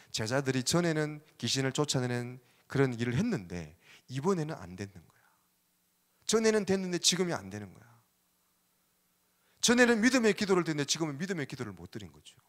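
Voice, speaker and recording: A man's voice: on the high side, fairly bright tone. A male pastor preaching a Sunday sermon with rising, exclaiming emphasis. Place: church sanctuary. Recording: church hall reverb.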